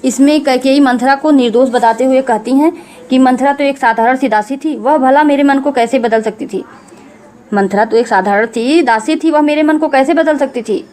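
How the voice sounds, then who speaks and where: High-voiced woman explaining Hindi poetry. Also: mellow. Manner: reads verse lines slowly, then explains in plain speech. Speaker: Hindi teacher.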